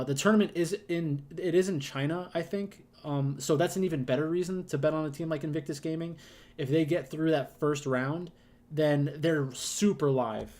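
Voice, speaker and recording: A man with a slightly hoarse, allergy-affected voice, giving casual unscripted esports commentary in a hesitant, rambling way with frequent pauses. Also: medium pitch, darkish tone. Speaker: YouTube host giving betting picks.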